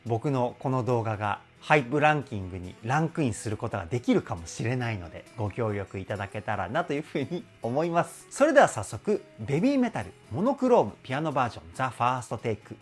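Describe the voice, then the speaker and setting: A man talks through a singer's technique as a vocal coach, warmly impressed and explanatory, now and then humming a long "uun" as he listens. His voice swings widely up and down in pitch. Faint music plays behind him. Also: very animated. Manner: enthusiastic, explanatory, admiring; speaks with soft drawn-out "uun" sounds while listening. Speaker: vocal coach reacting to a song. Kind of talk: casual video commentary.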